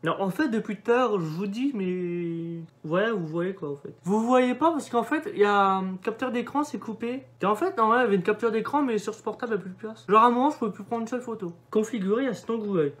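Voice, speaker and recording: A man's voice: high voice, fast, few pauses, fairly bright tone. A young man walks through a device setup in a casual commentary. He reads each prompt aloud and mutters offhand remarks between them. The recording sounds like it was made on a phone mic. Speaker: vlogger doing a device setup.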